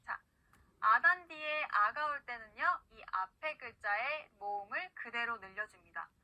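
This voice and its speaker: Woman, language teacher, online lesson, patient, slow model words, high voice, very bright tone. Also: lively intonation, poor audio. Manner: patient, repeats words slowly for the learner to copy. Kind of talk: scripted online pronunciation lesson.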